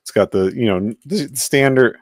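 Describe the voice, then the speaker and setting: A man's voice: medium pitch, normal speed, no echo, studio quality. A man hosting a live stream, casually reviewing an action figure and thinking aloud as he handles it. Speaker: toy collector host.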